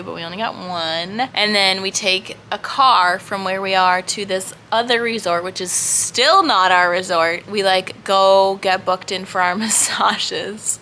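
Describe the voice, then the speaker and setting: A chatty young woman vlogger recounts a trip straight into her self-facing camera, rambling loosely and scattering "like" and little laughs through her talk. Her voice is bright and clear, sitting at an ordinary pitch for a woman. A faint hiss of noise lies under it. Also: poor audio. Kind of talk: casual storytelling vlog.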